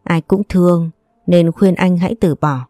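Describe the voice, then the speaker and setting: A woman's voice: fairly low pitch, steady tone, normal speed, warm tone, no room sound, studio quality. A woman reading a sad family story aloud, doing all the characters' lines herself. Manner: voices every character herself. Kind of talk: dramatic story narration.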